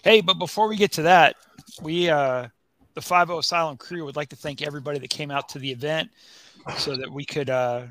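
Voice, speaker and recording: A man's voice: fairly high pitch, a little fast, fairly bright tone. A man co-hosting a casual podcast, wisecracking and roasting the others. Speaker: podcast co-host. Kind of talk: casual chat.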